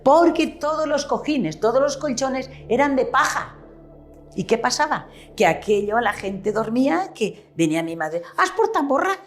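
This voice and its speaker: Lively older woman with Valencian-tinged Spanish. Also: fairly high pitch, measured pace, soft background music. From Petrer, eastern Spain. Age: 70s. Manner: animated storyteller who acts out remembered dialogue. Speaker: retired shopkeeper. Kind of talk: reminiscing interview.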